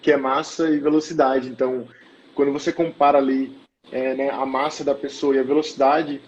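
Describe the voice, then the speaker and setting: A man's voice: mid-range voice, little pitch movement, brisk, a little mellow, lo-fi sound. Brazilian host man with faint noise behind him. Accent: Brazilian Portuguese. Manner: short agreeing interjections, friendly slang. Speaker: host coach. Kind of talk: casual live-stream chat.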